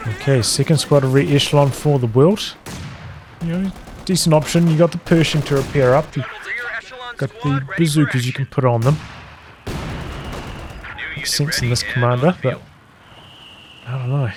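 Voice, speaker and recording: A man with a mid-range voice and fairly even intonation gives live play-by-play of a strategy game in clipped, fragmentary remarks, at a moderate pace with frequent pauses. Loud game gunfire, explosions, artillery and vehicle sounds fill the background.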